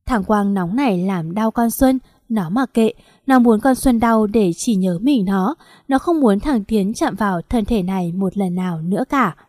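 A woman reading a novel aloud as narrator, in a steady, even storytelling manner. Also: medium pitch, moderate pace, no room sound, clean studio sound. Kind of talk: scripted audiobook narration.

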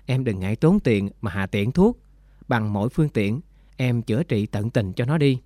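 A caring, loyal woman reassures her friend, as a man reads her part. The voice has a middle pitch. It is recorded dry and close for a storybook reading. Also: expressive, normal speed, mellow, no room sound, close to an everyday voice. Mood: pleading.

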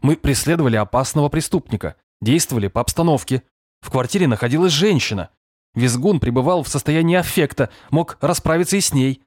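A man voicing a stubborn young male police detective who reports in a steady, grumbling way. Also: a little high, brisk, dry recording, studio quality, voice pushed up. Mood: defensive.

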